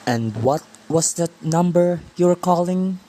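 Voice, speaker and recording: Woman playing a low, slow, weary police officer. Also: animated, warm tone. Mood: placating, bored. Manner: patronizing, unhurried, stolid. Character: weary, dismissive police officer taking a call. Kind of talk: radio play acting.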